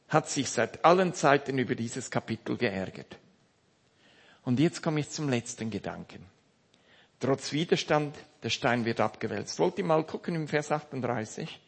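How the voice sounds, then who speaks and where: A man preaching a sermon in a husky, slightly breathy voice. He speaks slowly and lets his pitch roam widely, climbing for emphasis and sinking into hushed, almost whispered passages. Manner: emphatic, swings from loud outbursts to hushed near-whispers.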